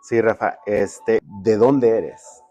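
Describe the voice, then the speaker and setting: A Mexican podcast host runs a casual interview, friendly and full of questions, often repeating words as he restarts. His lowish, dark voice stays steady with drawn-out words, recorded dry with no room sound and soft background music.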